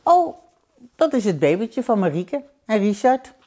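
A woman's voice: medium pitch, big pitch swings, unhurried, a little mellow, pitched above the performer's own voice. A woman voicing a kind, cheerful mother in a children's storybook reading.

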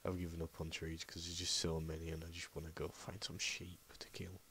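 Low gravelly guy muttering over gameplay. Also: monotone, brisk, low-quality recording. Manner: rambling, often mutters under his breath. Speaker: gaming channel host. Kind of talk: rambling gameplay commentary. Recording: loud background noise.

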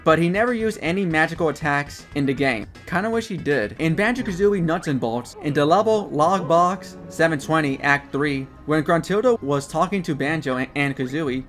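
Wry young man narrating gaming trivia. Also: on the high side. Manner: casual, wry, with sarcastic asides and swearing. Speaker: video narrator.

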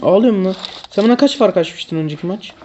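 A woman's voice: mid-range voice, animated, fairly quick, lo-fi sound, very noisy. A woman streaming a mobile shooter, chatting casually and teasing her friend in exasperated slangy banter. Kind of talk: casual gaming chat with a friend.

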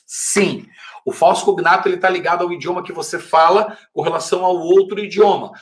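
Male English teacher with a Brazilian Portuguese accent, fairly high-pitched, casual and chatty in a live Q&A, slows right down for English examples. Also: fairly bright tone. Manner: casual, chatty, reads viewer questions aloud; says English example phrases slowly and carefully. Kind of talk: live-stream Q&A lesson.

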